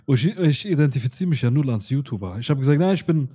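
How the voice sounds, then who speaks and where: A man in his twenties co-hosting a podcast, telling stories in lively, slangy casual chat. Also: mid-range voice, fast talker, husky. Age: 20s. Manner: lively, animated storytelling with slangy asides. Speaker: podcast co-host.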